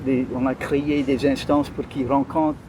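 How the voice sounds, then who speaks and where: A man's voice: medium pitch, little pitch movement, normal speed. Louisiana French-accented man, noisy outdoor background. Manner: hesitant, searching for words. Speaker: interview guest. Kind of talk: conversational interview.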